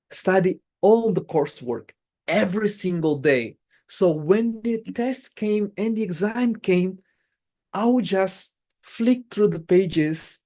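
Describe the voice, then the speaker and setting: A lively Angolan motivational speaker with Portuguese as a first language presents a prepared speech at a club, pitched at a medium level. Key phrases are repeated emphatically, and some words are restarted.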